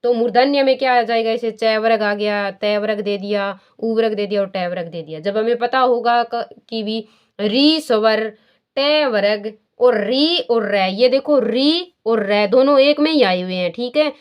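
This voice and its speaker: A woman with a voice a little above the usual pitch teaches a grammar lesson. She poses questions and answers them herself, repeats the key terms, and slows right down to draw out each sound she demonstrates. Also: clean tone. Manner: draws out sounds slowly to demonstrate pronunciation.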